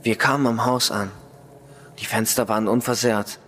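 A man reading a first-person ghost story in a slow, measured, dramatic way. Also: on the low side, steady tone, fairly bright tone, slight background noise. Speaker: story reader.

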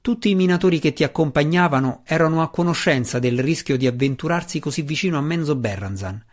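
A male narrator voices an earnest, wry dark elf warrior in a fantasy audiobook. Pushing a friend, he speaks fast in a pressing, slightly raised voice that is fairly high and expressive.

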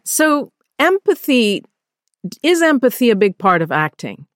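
A woman's voice: fairly high pitch, big pitch swings, measured pace, no echo, studio quality. A woman interviewer asking curious, probing questions about a guest's childhood and work.

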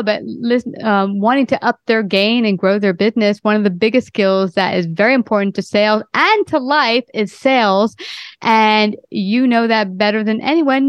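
A woman's voice: on the high side, no room sound, highs cut off. A woman hosting a podcast, interviewing in a conversational style. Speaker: podcast host.

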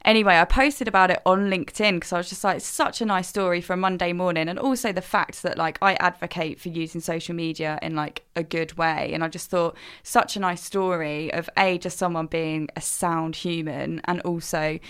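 A woman's voice: on the low side, a little fast, few pauses, smooth. A young woman tells a story in a casual podcast chat, acting out what people said and laughing often. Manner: animated, acts out the voices in her stories, laughs often. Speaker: podcast co-host.

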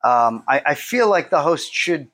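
A man chatting casually as a comedian guest, in halting, hesitant phrases. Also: a little high, sing-song, fairly bright tone. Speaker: comedian and show host, as a guest. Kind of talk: casual chat.

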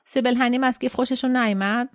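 A woman translator who reads a literary novel aloud in a calm, measured voice. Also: a little high, no echo, clean studio sound. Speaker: translator and reader. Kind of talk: literary audiobook narration.

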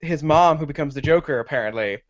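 A man co-hosting a casual podcast chat, hesitant and wry, often pausing on fillers. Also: fairly high pitch. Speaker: podcast co-host. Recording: dull, muffled sound.

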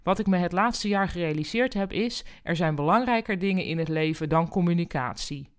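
A woman's voice: fairly low pitch, animated, fairly quick, smooth, lightly acted. A woman reading as an eager male guinea pig. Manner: eager, upbeat.

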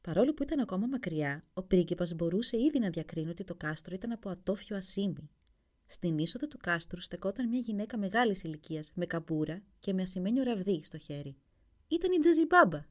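Woman storyteller, lively pitch, expressive fairy-tale reading. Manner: expressive, animated.

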